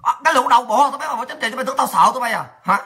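A woman rants straight to the camera, her voice angry, crude and taunting. Her tone is bright and sharp with a husky edge. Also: fairly high pitch, expressive, very fast. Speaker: political vlogger. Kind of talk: ranting monologue.

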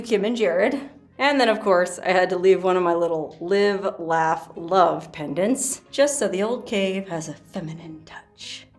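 A chatty woman with a medium-pitched voice narrates a casual vlog as she explores a rock cave and a cabin in a canyon. She's a solo outdoor adventure vlogger, playful and quick to laugh, inventing silly stories along the way, and she films on a handheld camera held at arm's length.

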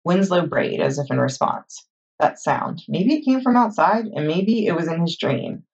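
A woman librarian reading a children's chapter book aloud in steady storytime narration. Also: on the low side, moderate pace, gravelly, breathy edge. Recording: dull lo-fi recording.

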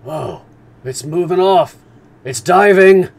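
A burly, excitable harpooner who blurts his words out loud and high, as a man puts him on in a story reading. He is blunt and hungry for the hunt. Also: moderate pace, natural voice. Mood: excited. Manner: eager, blunt, exclaiming. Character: burly excitable Canadian harpooner, eager hunter.

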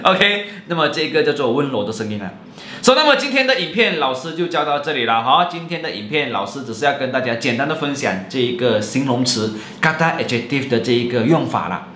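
Male teacher, bright and very expressive delivery, recorded in a roomy space. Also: medium pitch, a little fast. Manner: animated and jokey, mixing in English and Malay words. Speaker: language teacher. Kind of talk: playful video lesson. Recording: roomy echo.

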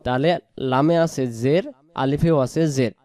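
A man with a Bangladeshi Bengali accent teaching Quran pronunciation word by word, explaining each sound and repeating words slowly. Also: medium pitch, mellow, no room sound. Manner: explains, then chants words slowly and drawn out. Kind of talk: slow word-by-word pronunciation lesson.

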